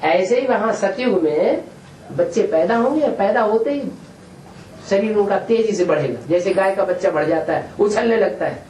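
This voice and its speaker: In a question-and-answer spiritual discourse, a man explains through examples and puts rhetorical questions to his listeners. His voice sits high, expressive and a little mellow, at normal speed, captured by a distant mic in a roomy space with faint noise.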